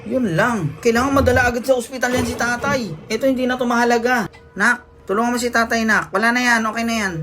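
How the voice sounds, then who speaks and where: An excitable narrator calls out the action of a film scene by scene, jumping in with sudden exclamations and playful jokes. The voice sits at an ordinary middle pitch, and clear music plays underneath throughout. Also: quick pace. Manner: excitable, frequent exclamations, jokey asides. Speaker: movie recap narrator. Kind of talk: play-by-play movie recap commentary.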